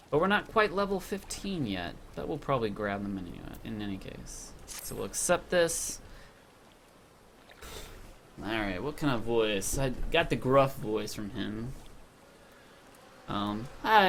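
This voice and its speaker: A man casually commentating as he plays a video game, chatty and thinking out loud. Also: medium pitch, a little hiss or hum. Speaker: let's play host.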